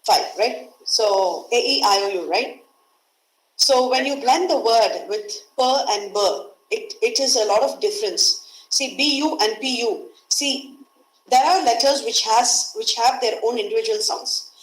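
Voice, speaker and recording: A woman's voice: on the high side, measured pace, reverberant, low-quality recording. A woman with an Indian English accent, teaching English pronunciation in a webinar and explaining patiently with lots of repetition. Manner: explains patiently, repeats key words. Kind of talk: webinar lecture. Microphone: video call.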